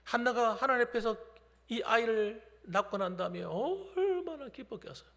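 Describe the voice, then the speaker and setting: A man's voice: extremely high pitch, expressive, moderate pace, creaky, a bit bright. A middle-aged man preaching an emphatic storytelling sermon in a church, acting out the voices of the people in the story. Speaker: pastor. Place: church sanctuary. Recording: long church reverb.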